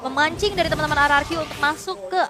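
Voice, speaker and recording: A woman with an Indonesian accent giving live esports commentary and analysis in an animated, reactive way. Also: high voice, very fast. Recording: music and crowd behind voice.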